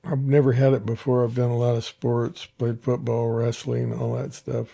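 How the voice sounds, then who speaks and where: An older man, a therapist hosting a podcast, talking casually and haltingly, often repeating his words. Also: medium pitch, flat delivery, creaky, warm tone. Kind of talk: casual conversation.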